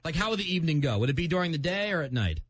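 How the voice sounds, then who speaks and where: A male radio host chats on air with a caller in a conversational presenter style, trading prank call banter. His voice is fairly high and fairly bright, sing-song and racing, and the radio broadcast audio carries a little hiss or hum.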